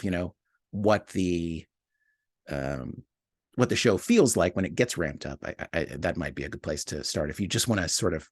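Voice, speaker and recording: In a thoughtful, relaxed interview, a man with a low voice reflects on things while hunting for the right words and gently running himself down. He is a podcast writer and co-producer there as a guest, and the echo-free recording has studio quality.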